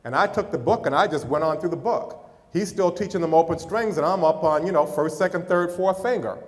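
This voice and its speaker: A middle-aged pastor preaches in a storytelling way, his voice a little higher than most men's. He talks straight to the congregation, and the sound rings out in a big hall with a long reverb. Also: brisk. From United States. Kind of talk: sermon.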